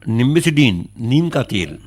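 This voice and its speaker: A man's voice: mid-range voice, sing-song, unhurried, darkish tone. A North Indian man giving courteous, instructive advice as an expert on a phone-in, repeating key points. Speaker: agriculture expert.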